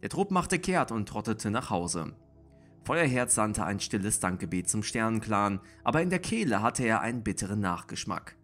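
A man reading a story aloud in a steady, expressive narration. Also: lowish voice, moderate pace, faint music behind. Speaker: audiobook reader.

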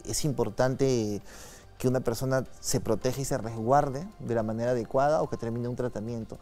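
Un hombre con acento peruano, invitado ocultista, que narra con calma y en voz baja una experiencia personal en una entrevista. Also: male voice, mid-range voice. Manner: soft-spoken, calm storytelling with frequent tag questions. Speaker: occultist guest. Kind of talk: telling a personal story in an interview.

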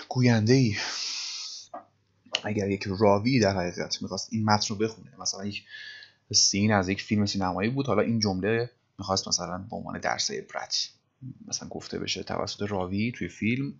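A man with a fairly low voice teaches grammar in a relaxed, conversational way. He stops to read English phrases slowly and with weight on each word. The recording sounds a little dull and lo-fi. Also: gravelly, husky. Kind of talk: casual grammar lesson in Persian.

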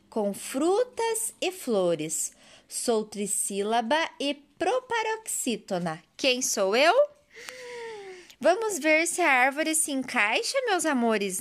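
A woman, a primary school teacher with a Brazilian Portuguese accent, giving a remote lesson to children in a patient, sing-song teaching voice. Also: high-pitched.

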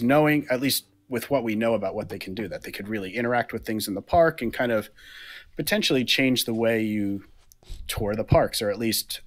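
Over a video-call headset from a room at home, this podcast co-host, a man in his thirties, chats casually and explains things with plenty of fillers. His voice is lowish with a fairly bright tone.

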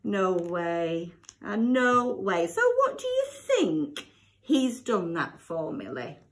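Woman teacher in a one-to-one reading lesson, warm, encouraging, lively swooping praise, mid-pitched voice. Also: slow. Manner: expressive, swooping intonation.

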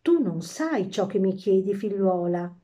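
A woman voicing an indulgent, sighing king father who speaks slowly and patiently. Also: mid-range voice, animated, dark tone, highs cut off. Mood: indulgent, weary. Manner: slow, patient, soothing.

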